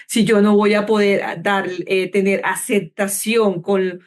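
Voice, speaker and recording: A woman clinical psychologist giving calm, measured advice in an interview, slowing down and stretching words to show how to breathe. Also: mid-range voice. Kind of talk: calm explanatory interview talk.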